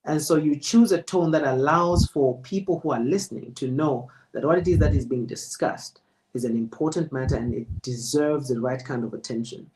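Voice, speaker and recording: A man giving a presenter spoken feedback as a public speaking coach, in a measured, emphatic, deliberate way. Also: mid-range voice, a little mellow, poor audio.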